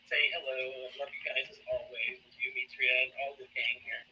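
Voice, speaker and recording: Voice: medium pitch, fairly quick, slight background noise, rough recording. A caller dropping into a live stream to say hello, friendly, laughing often. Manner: friendly, laughs a lot, lively. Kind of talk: casual chat.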